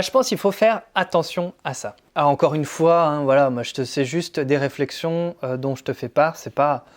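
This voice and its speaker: Chatty man with a fairly high voice. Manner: chatty, familiar, many fillers. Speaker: music coach and YouTuber. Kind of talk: casual talk to camera.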